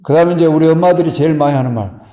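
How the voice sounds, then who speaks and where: A man's voice: on the high side, racing, warm tone. A man giving a Buddhist dharma talk in a temple hall, speaking conversationally and putting rhetorical questions to his listeners. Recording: dull, echoey hall recording.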